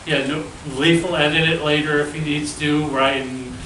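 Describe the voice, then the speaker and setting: A man's voice: on the high side, fairly even intonation, moderate pace, bright, forceful tone. A man interviewing a new VJ, rambling jokily through long questions. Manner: rambling, jokey. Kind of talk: casual interview chat. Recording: echoey room, distant mic, background noise.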